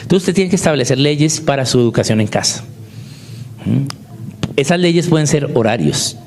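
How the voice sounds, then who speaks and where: A man's voice: mid-range voice, expressive, moderate pace, a little mellow. A man giving a teaching talk on homeschooling, who keeps checking in with his listeners through short rhetorical questions. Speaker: homeschooling speaker.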